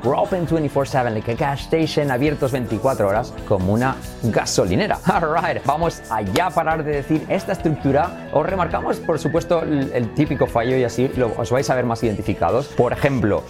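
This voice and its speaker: A man with a Spain Spanish accent teaching an English lesson in a playful, bilingual way, slowing down to model phrases. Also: medium pitch, music in the background.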